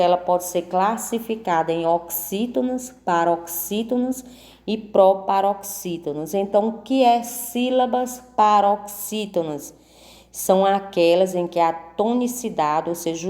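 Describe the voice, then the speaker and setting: A woman's voice: medium pitch, darkish tone. A woman teacher going through a worksheet correction, patiently repeating and drawing out words to mark the stressed syllable. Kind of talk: slow worksheet correction lesson.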